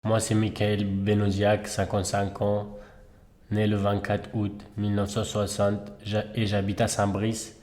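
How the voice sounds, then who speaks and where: A man's voice: fairly low pitch, monotone, unhurried, a little mellow, close to an everyday voice. A man playing a father in his fifties, brief and plain-spoken. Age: 50s.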